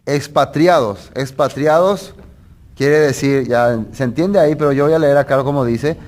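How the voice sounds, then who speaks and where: With a darkish tone, medium pitch and moderate pace, a man preaches a conversational sermon that walks through a Bible passage. Rhetorical questions and self-corrections run through his delivery.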